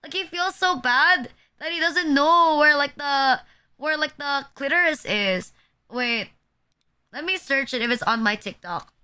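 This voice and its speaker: A woman's voice: high-pitched, unhurried, pushed and bright. A young woman streaming live, chatting casually and bluntly, rambling with lots of "like" and crude jokes. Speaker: VTuber streamer.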